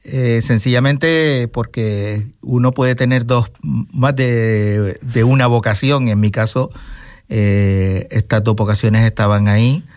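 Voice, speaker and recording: A man, answering interview questions in a measured, thoughtful way and pausing to find his words. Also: medium pitch, fairly even intonation, darkish tone, no echo, clean studio sound. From Gran Canaria, Spain. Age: 60s. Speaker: interview guest, nature reserve director. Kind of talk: casual interview conversation.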